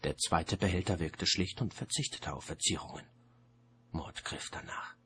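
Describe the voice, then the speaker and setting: A man narrating a story in a measured storytelling manner. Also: low-pitched, fairly bright tone, slight background noise. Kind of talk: audiobook narration.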